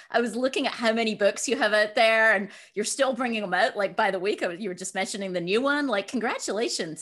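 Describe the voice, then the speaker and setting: A Scottish woman, appearing as a guest author in an interview, tells personal stories in an upbeat, effusive, and emphatic manner. Her voice is on the high side and a bit bright.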